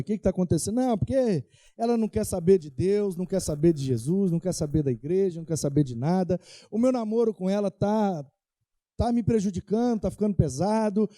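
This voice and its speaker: A young Brazilian pastor gives a storytelling sermon, sharing playful, animated anecdotes and acting out the dialogue he quotes. He speaks Brazilian Portuguese in a high voice, recorded with no echo.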